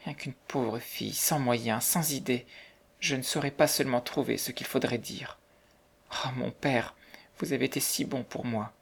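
A reader voicing a young working woman in despair, speaking in a soft, breathy half-whisper. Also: medium pitch, steady tone, normal speed.

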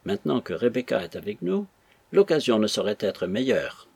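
A man's voice: lowish voice, big pitch swings, normal speed, vocal fry, darkish tone, husky, no room sound, heavily acted. A man reading aloud and voicing a sweet, shy, cheerful seventeen-year-old girl. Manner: cheerful, pleading.

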